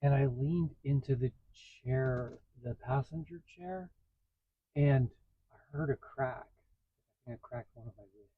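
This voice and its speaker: A man casually telling stories in a vlog from inside his parked vehicle, getting animated as he retells what happened. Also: mid-range voice, unhurried, no echo, phone-quality sound. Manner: chatty, animated when retelling a story. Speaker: vlogger.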